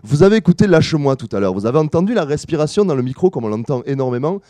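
Male academic lecturer, animated pitch, mellow tone, explanatory delivery with fillers and self-corrections. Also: very fast, no room sound. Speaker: musicology lecturer. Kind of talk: academic presentation to a live audience.

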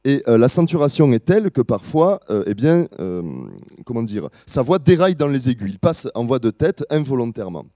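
A French-speaking man giving an academic talk as a musicologist, explaining in a measured way with frequent hesitations. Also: mid-range voice, big pitch swings, warm tone, dry recording, studio quality. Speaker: musicologist lecturer. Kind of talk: academic presentation.

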